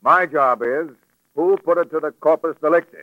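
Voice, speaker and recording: An actor playing a blunt, stubborn police commissioner in a 1940s radio drama, emphatic and matter-of-fact. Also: male voice, a little high, moderate pace, dry recording, phone-quality sound, close to an everyday voice. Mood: brusque. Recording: dry vintage radio recording.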